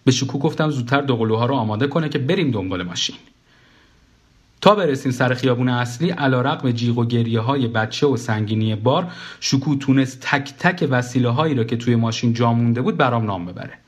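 A man reading a comic first-person story aloud as the narrator, in a dry, wry tone. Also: mid-range voice.

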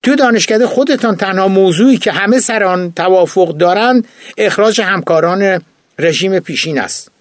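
A man reading an audiobook, voicing a weary older male university chief who lectures in heated, rapid-fire rhetorical questions. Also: high voice, no room sound, studio quality, pitched above the performer's own voice, close to an everyday voice. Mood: exasperated. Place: recording studio.

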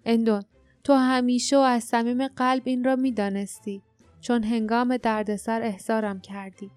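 A woman's voice: fairly high pitch, flat delivery, a little mellow, no echo, faint music behind, close to an everyday voice. A woman voicing Jarred, a young loyal male warrior who speaks earnestly and presses for action in an audiobook. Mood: urgent.

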